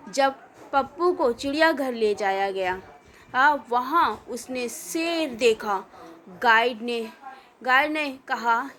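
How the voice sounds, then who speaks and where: A woman reading a comic children's story aloud in an unhurried way, with many hesitations. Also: on the high side, a bit bright, slight background noise.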